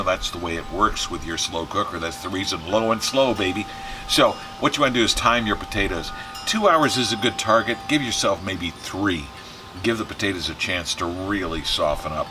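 This host of a home cooking channel, a man in his 60s, has a voice on the low side, heard over background noise. Moving between home kitchen and backyard patio, he runs a laid-back cooking video in a folksy style, dropping in jokes along the way.

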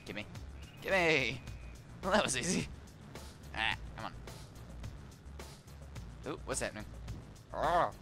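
A young man gives playful, chatty let's play commentary on a shooter, making gun noises and swearing. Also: mid-range voice. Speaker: gamer playing a shooter. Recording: game music behind the voice.

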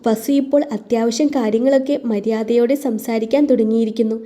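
Warm, mellow woman reading a story. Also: fairly high pitch, fairly quick. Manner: calm, even reading with dialogue voiced in. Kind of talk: first-person story narration.

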